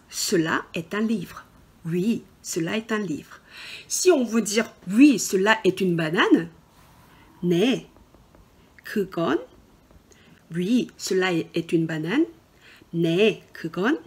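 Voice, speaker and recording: A woman teaching a beginner language lesson over slides, explaining patiently and slowly, with fillers and self-corrections. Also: medium pitch, breathy edge. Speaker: Korean teacher. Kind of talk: screen-recorded language lesson.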